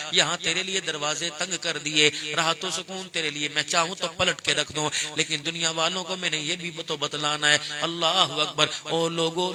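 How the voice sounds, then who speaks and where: A male preacher telling a sermon story to a gathering, swinging between hushed retelling and shouted, passionate exclamations. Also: on the high side. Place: large gathering with audience. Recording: live crowd audible. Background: crowd.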